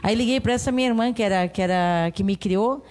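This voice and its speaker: A woman's voice: medium pitch, fairly quick, a little mellow, soft background music. Woman telling her story. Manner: storytelling, acting out the dialogue she reports. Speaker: guest giving testimony. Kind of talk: religious testimony.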